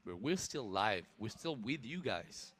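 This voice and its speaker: A man's voice: on the low side, very animated, measured pace, fairly bright tone, breathy edge. A man casting a live esports stream in a casual, playful chat with his co-caster, sometimes slipping in French words.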